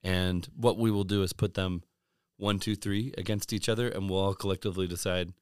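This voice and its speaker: A man's voice: deep voice, fairly even intonation, a little fast, smooth, no room sound, clean studio sound. A man co-hosting a podcast in casual chat, jokey and playful, slipping into silly voices. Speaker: podcast co-host.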